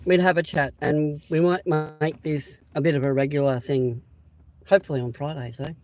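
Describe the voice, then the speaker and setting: An Australian man hosting a casual live-stream chat outdoors beside a railway siding, rambling and hesitant with lots of pauses and restarts. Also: on the high side, steady tone, background noise. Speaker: channel host.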